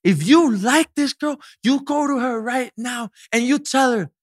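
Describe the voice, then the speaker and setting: A woman's voice: on the high side, slow pace, dry recording, studio quality, pitched above the performer's own voice. A man voicing his drunk young woman friend who gives him aggressive, blunt advice. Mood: pushy. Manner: pushy, aggressive.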